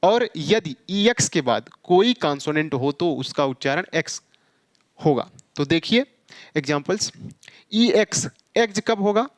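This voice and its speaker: A man with a Hindi accent and a fairly high voice teaches English pronunciation in an unhurried way. He spells words letter by letter, stretches sounds out when he shows them, and keeps asking the learner what the word becomes. The recording is dry and close, with no room sound. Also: animated, no room sound. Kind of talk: classroom lesson on English pronunciation.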